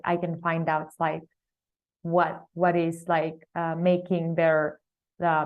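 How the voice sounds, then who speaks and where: A woman's voice: lowish voice, muffled recording. A woman giving an academic research presentation at a student conference, hesitant, with many fillers and restarts.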